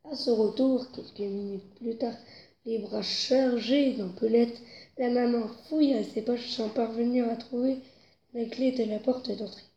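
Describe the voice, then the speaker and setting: A woman's voice: on the high side, fairly even intonation, unhurried, dark tone, highs cut off. A woman reading a children's story aloud, telling it expressively and rising with its tension. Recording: roomy echo, faint noise.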